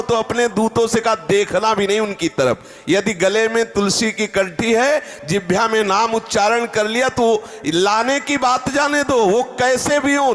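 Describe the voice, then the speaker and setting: Slow high-voiced man giving a devotional sermon. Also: a bit bright. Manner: slow measured preaching with chanted verses. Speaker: spiritual teacher. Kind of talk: devotional discourse. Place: ashram hall.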